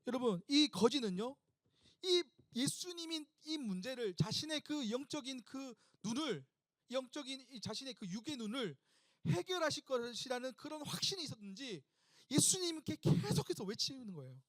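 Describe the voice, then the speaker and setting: Preaching to a young adults' service, a male pastor with a strikingly high voice tells the story with emphatic repetition, constantly turning to the congregation with questions. He's very animated at a moderate pace, and the sound is dry and close with no echo.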